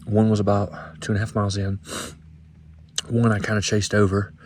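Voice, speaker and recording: A man in casual vlog narration, talking in a relaxed, rambling way with fillers. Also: fairly low pitch, fairly quick, slight background noise. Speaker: hunter filming his trip.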